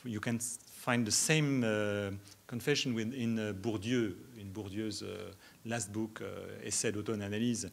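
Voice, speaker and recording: Halting man answering questions. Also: fairly low pitch, fairly even intonation, vocal fry. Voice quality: halting, many restarts and stammers. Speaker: keynote speaker answering questions. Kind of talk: academic Q&A answer. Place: lecture hall.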